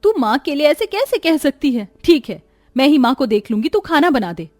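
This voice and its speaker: A woman voicing a kind, patient elder sister in a storybook, earnest and gentle. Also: sits high, big pitch swings, brisk, dry recording, faint music behind, voice pushed up. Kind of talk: storybook voice acting.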